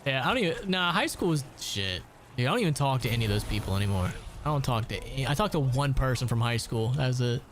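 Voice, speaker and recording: A man's voice: mid-range voice, animated, fast talker, slight background noise. A man in his late twenties from Ohio, chatting casually and profanely while gaming on a stream. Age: late 20s. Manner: rambling, profane storytelling.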